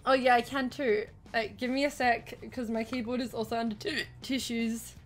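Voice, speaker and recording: High-voiced, giggly woman streamer. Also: little pitch movement, normal speed, faint music behind. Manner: giggly, swears casually. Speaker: livestreamer. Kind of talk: casual livestream chat with viewers.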